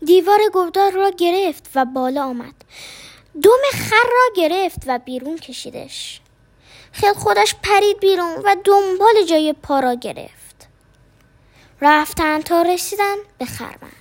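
A woman reads a children's story aloud with a very high voice that rises and falls in a lively, sing-song way. Her delivery is playful and expressive, made for young listeners.

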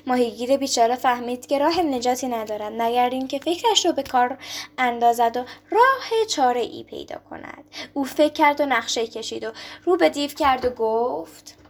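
A woman reading a folk tale aloud as a storyteller, in a steady, even manner. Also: sits high. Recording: clear background noise.

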